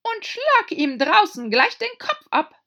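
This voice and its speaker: A woman voicing a furious queen who screeches her commands in a shrill, high voice, as part of an audiobook reading. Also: lively intonation, a little slow, lo-fi sound, heavily acted. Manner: shouts commands. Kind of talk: audiobook character voice.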